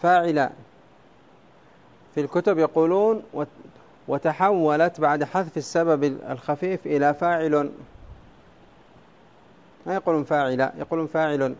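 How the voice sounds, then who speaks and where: A man's voice: a little high, moderate pace, long pauses, a little mellow. A man teaching a class on Arabic prosody, explaining step by step and quizzing his students with questions. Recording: dull lo-fi classroom recording.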